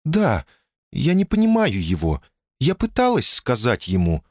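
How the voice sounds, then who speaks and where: A man's voice: medium pitch, wildly swooping pitch, measured pace, darkish tone, no room sound, clean studio sound, voice pushed up. A man putting on a thin, tense woman's voice. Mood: fluttery. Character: high-strung nervous woman on the phone. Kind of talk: audiobook character voice.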